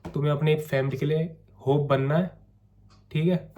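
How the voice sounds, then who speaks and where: A man's voice: on the high side, steady tone, normal speed, darkish tone. A young man with a sore, coughing throat, chatting to camera in a casual vlog and coaxing his viewers. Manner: chatty, coaxing, keeps saying "theek hai". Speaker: vlogger.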